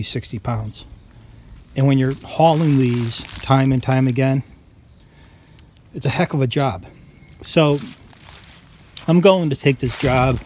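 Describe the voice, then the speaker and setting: Speaking at a medium pitch with a slightly mellow tone, a farm vlogger talks through a folksy how-to in plain language. He's filmed outside on the farm with a handheld camera, and outdoor noise sits behind his voice.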